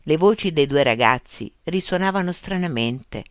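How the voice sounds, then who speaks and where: A narrator reading a children's adventure story aloud in a lively, expressive way. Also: medium pitch, moderate pace, clear, resonant tone, no room sound, clean studio sound.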